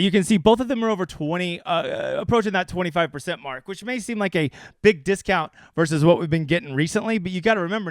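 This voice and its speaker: A man's voice: on the high side, a bit bright, no echo. A man casually breaking down fantasy golf picks on a livestream, crude and joking. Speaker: fantasy sports analyst.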